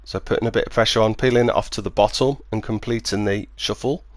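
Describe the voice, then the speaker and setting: A man speaking as a magician, demonstrating and explaining a card trick step by step in clear, measured phrases. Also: fairly low pitch, fairly even intonation, no room sound, clean studio sound. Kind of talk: instructional demonstration, patter and explanation.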